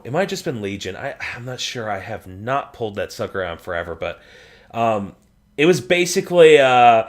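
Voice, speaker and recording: Excitable gamer guy cohosting a podcast, swears a ton, voice jumps all over. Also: on the low side. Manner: excitable, swears a lot, laughs often. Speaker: podcast co-host. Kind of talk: casual gaming podcast chat.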